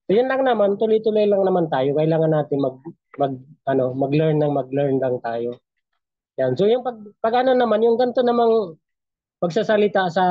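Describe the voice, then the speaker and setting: Male guest, slightly high voice, hesitant, filler-heavy, lo-fi dry call sound. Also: dry recording. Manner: halting, hesitant, many fillers. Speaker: guest speaker in a team meeting. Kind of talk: casual testimonial on a video call.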